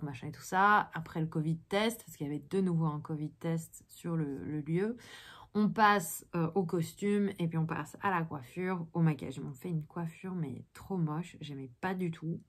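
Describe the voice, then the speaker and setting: A woman with a Belgian French accent, an actress chatting casually through a day-in-the-life vlog in a loose, rambling way. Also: fairly low pitch. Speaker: actress and vlogger.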